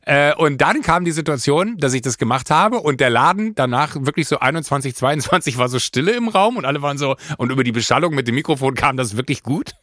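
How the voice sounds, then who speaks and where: A man hosting a podcast, telling a story in a casual, animated way with many fillers and restarts. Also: fairly high pitch, quick pace, hardly any pauses, no room sound, clean studio sound. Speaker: podcast host.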